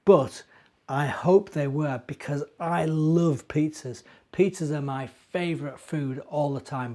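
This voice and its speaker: Here the British storyteller and church minister, a middle-aged man, uses a mid-range, slightly mellow voice. His talk to young children is chatty, full of simple explanations and questions.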